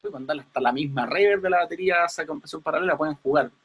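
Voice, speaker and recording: A man's voice: a little high, racing, fairly bright tone, slightly rough. A man teaching an audio class over a video call, chatty and explaining with everyday comparisons. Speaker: audio engineering instructor.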